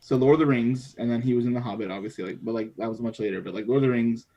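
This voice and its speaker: A man's voice: mid-range voice, very fast, warm tone, muffled recording. Chill guy talking movies, mid voice, kinda trails off. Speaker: podcast panelist. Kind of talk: casual film discussion.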